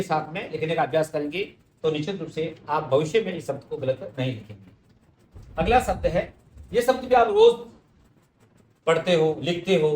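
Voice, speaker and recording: A man's voice: sits high, roomy sound. A man teaching correct Hindi spelling, explaining each word patiently and speaking directly to his students.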